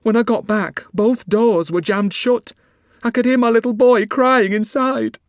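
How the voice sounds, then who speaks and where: A man reading aloud voices a desperate young farmer's wife, pitching his voice high and strained with grief. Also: unhurried, no echo, studio quality. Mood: frantic, tearful.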